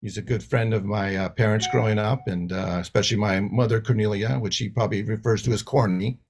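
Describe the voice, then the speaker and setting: A man's voice: fairly low pitch, steady tone, fairly quick, a little mellow, a little hiss or hum. A man giving casual greetings on a live online panel, with fillers as he talks.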